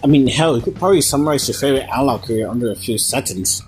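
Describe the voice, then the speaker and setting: A video essayist gives informal review commentary, sarcastic and casually sweary, with background music under his voice. He talks very fast in a medium-pitched, slightly mellow, animated voice.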